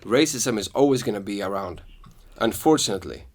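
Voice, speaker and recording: Speaking a little fast in a lowish voice, a young podcast host from Sweden chats casually and earnestly, telling personal anecdotes. He livens up when quoting others.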